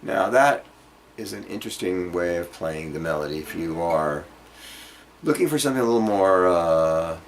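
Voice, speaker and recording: With a low-pitched voice and lively intonation, this man talks at a normal pace while teaching guitar informally, hesitantly breaking things down piece by piece as he plays. Loud acoustic or jazz guitar accompanies his speech, and there's a little hiss or hum.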